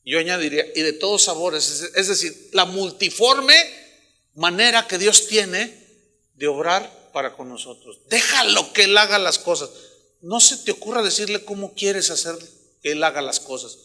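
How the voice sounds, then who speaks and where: A male pastor with a Mexican accent preaching a sermon, shifting from quiet asides to loud emphatic bursts and bluntly scolding his congregation with humor. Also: high voice, expressive, normal speed.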